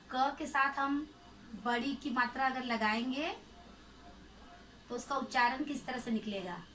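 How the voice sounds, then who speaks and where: Slow, bright-voiced woman teaching a class. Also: sits high, rough recording. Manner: slow, drawn-out syllables for pupils to repeat. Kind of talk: children's Hindi lesson.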